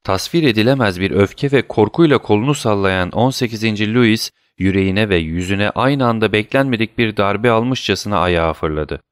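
A man narrating a classic novel in a measured, scripted reading. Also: fairly low pitch, smooth, dry recording, studio quality. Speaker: audiobook narrator.

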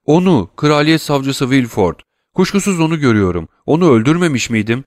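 A man's voice: mid-range voice, brisk, no echo, studio quality, voice pushed up, lightly acted. A man reading an audiobook, voicing an agitated, frightened male steward who breaks into repeated exclamations. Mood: alarmed. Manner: excited, exclaiming, broken repetitions.

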